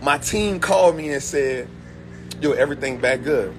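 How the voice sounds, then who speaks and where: A man's voice: medium pitch, normal speed, slight background noise. A middle-aged man giving a casual motivational talk to camera, repeating his lines for emphasis like a preacher. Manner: repetitive, emphatic, preacher-like phrasing. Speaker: vlogger and motivational speaker.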